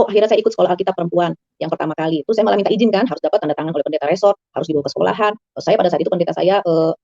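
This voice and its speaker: Fast-talking woman telling her story. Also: no room sound. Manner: fast, earnest storytelling that rises high and excited. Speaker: guest giving a personal testimony. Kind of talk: emotional spoken testimony. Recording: slightly dull, dry recording.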